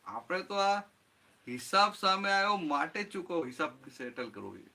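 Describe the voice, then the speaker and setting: A man's voice: high voice, very animated, normal speed, sharp tone. A man giving a satsang talk as spiritual teacher, explaining with everyday examples and often checking that listeners follow. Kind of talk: satsang talk answering a question.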